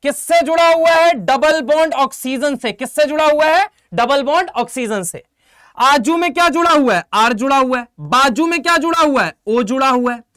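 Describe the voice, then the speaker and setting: A man's voice: very high voice, dry recording, clean studio sound. A man teaching chemistry in an online exam-prep class, firing questions at his students and coaxing them to answer back. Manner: energetic call-and-response questioning; coaxing, calls students "beta" and "bhai".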